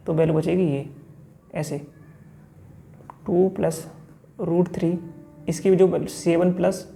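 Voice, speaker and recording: A man teaches an exam-prep math lesson step by step, posing questions and answering them himself. His voice is very dark and gravelly. He speaks in a flat, level tone. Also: high-pitched, a little slow, soft background music. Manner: talks through each step, asks and answers himself.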